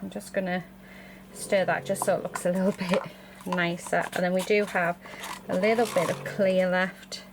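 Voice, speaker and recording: A British woman with a lowish voice speaks in a level tone at normal speed, chatting casually and thinking aloud while demonstrating a craft like a hands-on vlogger. Background noise is clear, and a printer runs for part of the recording.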